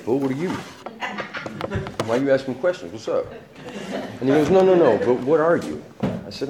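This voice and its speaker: A man in his late forties recounts his life in loose street slang, often laughing as he goes. His voice sits at an ordinary pitch. The room echoes around him, with steady noise behind. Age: 40s. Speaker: former prisoner telling his story. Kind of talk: casual personal storytelling.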